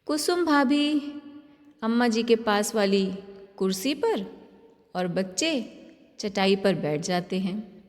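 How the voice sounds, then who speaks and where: Slow, unhurried woman storyteller with reverb. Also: medium pitch, lively intonation. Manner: unhurried, shifts tone for each family member's quoted lines. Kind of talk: scripted narration.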